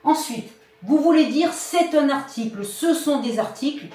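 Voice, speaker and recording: A woman teacher giving a patient, methodical grammar lesson, her voice a touch high. She sounds set back from the microphone in a very echoey room. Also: expressive, unhurried, dark tone, far from the mic, faint music behind. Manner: patient, didactic, repeats key phrases. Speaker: Spanish teacher. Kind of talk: classroom lesson explaining grammar.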